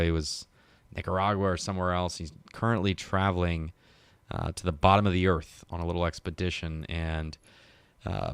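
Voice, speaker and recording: A man hosting a podcast with an upbeat, joking way of talking. His voice sits low, and the sound is close and dry with no room echo. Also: clear, resonant tone. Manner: upbeat, joking, loose with fillers. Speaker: podcast host. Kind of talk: casual interview intro.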